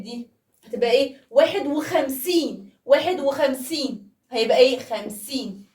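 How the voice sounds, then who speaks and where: A woman's voice: high-pitched, reverberant, distant mic. A woman teacher with an Egyptian accent explaining math to young children in a chatty, playful way, full of questions to the class. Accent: Egyptian Arabic. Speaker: primary school math teacher.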